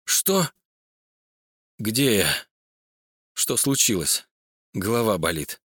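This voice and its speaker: A man's voice: on the low side, sing-song, takes it slowly, fairly bright tone, husky, no echo, clean studio sound, heavily acted. A man voicing Igor, an exasperated private detective protesting and recalling an attack, in a crime audiobook. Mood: dazed. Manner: exasperated, pleading. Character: indignant male private detective, middle-aged.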